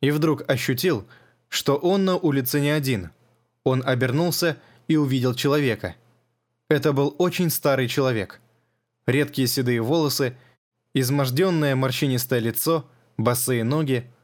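Reading from a script, a male narrator delivers an audiobook at a measured, even pace. His mid-pitched voice stays steady, and he keeps his delivery controlled from start to finish.

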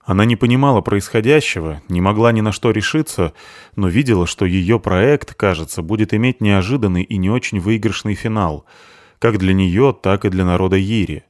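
A man reading a novel aloud as a steady audiobook narrator. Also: lowish voice, brisk, dry recording, studio quality.

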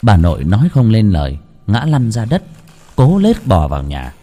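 A man narrating a village ghost story in a hushed, suspenseful storytelling manner. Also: fairly low pitch, huge pitch swings, moderate pace.

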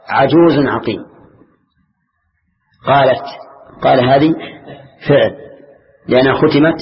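A man's voice: medium pitch, slight background noise. An older man teaching a grammar lesson, patiently questioning his students and repeating key words. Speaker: Islamic scholar teaching grammar. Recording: dull lo-fi lecture recording.

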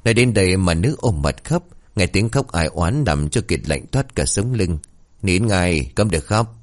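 A male storyteller reads a comic ghost tale in a colloquial, lively manner. His voice is deep. His pitch rises and falls widely as he goes. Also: moderate pace.

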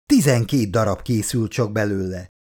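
A man's voice: fairly low pitch, a little mellow, lightly acted. A man reading the lines of an eager female scientist in an earnest, enthusiastic way. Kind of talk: audiobook character reading.

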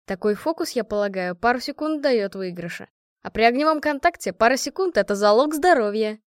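Woman reading a calm, reasoning male teammate. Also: fairly high pitch, no room sound, clean studio sound, lightly acted. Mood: measured. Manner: measured, reasoning.

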